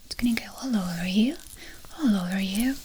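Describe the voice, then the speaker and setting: A woman whispering a fast, brisk ASMR whispered role-play as a medical examiner, giving short instructions and questions. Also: medium pitch, darkish tone, slight background noise.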